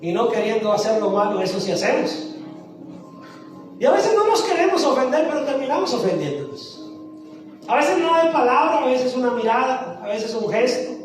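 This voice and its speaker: This woman pastor, very animated, speaks at normal speed in a high-sitting voice with a darkish tone. Preaching in a church sanctuary, she asks questions of the congregation and answers them herself, captured distantly in echoey acoustics with faint music.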